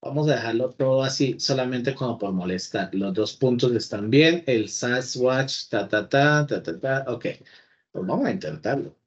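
Guy teaching code live, middle pitch, kinda dull lo-fi audio, chats with his computer. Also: normal speed. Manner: chatty, talks to the computer as if to a person. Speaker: programming teacher. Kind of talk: live coding class.

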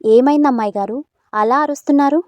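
A woman's voice: sits high, fast talker, a little mellow, no room sound, close to an everyday voice. A woman voicing a chatty, gossipy older housemaid who talks respectfully in a storybook.

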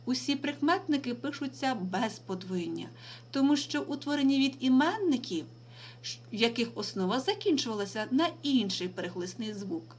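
A woman teacher giving a recorded remote lesson, reading out words slowly and deliberately and stressing them. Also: on the high side, expressive, slight background noise. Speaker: language teacher.

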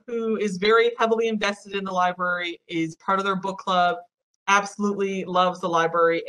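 A woman's voice: medium pitch, fairly bright tone, low-quality recording. A woman with a Newfoundland accent hosting a casual book chat in an upbeat, chatty way. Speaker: library podcast host.

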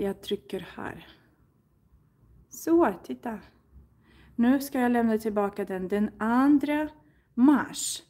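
A woman's voice: mid-range voice, warm tone. A woman chatting casually to viewers as she browses and borrows books in a library, thinking aloud and reading titles out. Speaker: Swedish teacher and vlogger.

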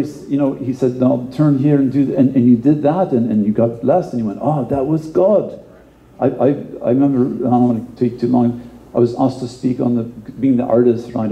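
A man's voice: medium pitch, gravelly, reverberant, lo-fi sound. A male pastor giving a conversational sermon, often repeating words and adding asides.

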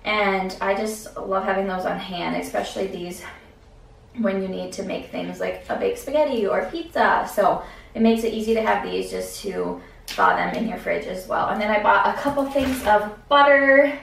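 A woman's voice: medium pitch, animated, moderate pace, vocal fry, distant mic, slight background noise. Chatty woman in an echoey kitchen. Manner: chatty, thinks aloud with fillers. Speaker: vlogger. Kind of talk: casual grocery haul walkthrough. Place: home kitchen, indoors. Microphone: camera at a distance.

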